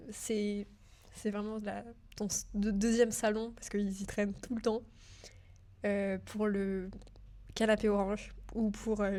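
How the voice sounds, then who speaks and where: A young woman chats through her student web project in a casual, filler-heavy way. She sounds a little nervous as she talks straight to the viewer. Her pitch stays fairly level and even throughout. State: a bit nervous. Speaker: digital school student. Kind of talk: casual screen-share walkthrough.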